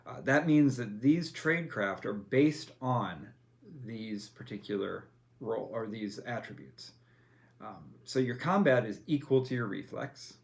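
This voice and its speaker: Here a man with a lowish voice and some vocal fry explains game rules step by step, unhurried but with lively intonation. As game master, he patiently helps a player build a tabletop character, often using fillers and correcting himself.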